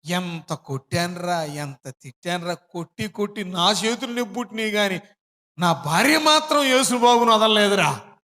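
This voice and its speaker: A man's voice: high-pitched, steady tone, normal speed, sharp tone. A man quoting his stern, indignant older father in a sermon, speaking in a scolding, emphatic way. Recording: hall reverb.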